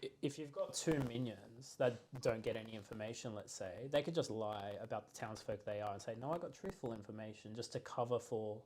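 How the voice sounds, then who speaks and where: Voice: mid-range voice, a little fast, hardly any pauses, a little hiss or hum. A podcast co-host in casual chat who tells stories with energy and acts out quoted lines. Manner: animated storyteller, acts out quotes.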